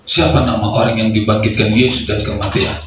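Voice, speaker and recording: A male pastor preaching a sermon, telling the story with animated delivery and acting out the dialogue. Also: lowish voice, fast talker, noisy background. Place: church hall. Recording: echoey hall, voice from far off.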